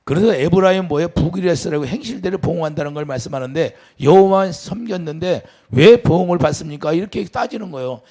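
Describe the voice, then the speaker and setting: Man, pastor, sermon, gravelly, husky, lively swings in pitch, questions to the congregation. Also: quick pace, few pauses. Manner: preaching with sudden rises and drops, asks the congregation questions.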